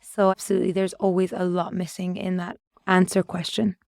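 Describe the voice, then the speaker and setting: This is a conservation adviser from Ethiopia, guesting on a podcast. Her lowish voice is gravelly and darkish, fairly quick and nearly monotone, captured close and dry without echo. Reflective in her answers, she frequently stops and restarts words while searching for how to put things.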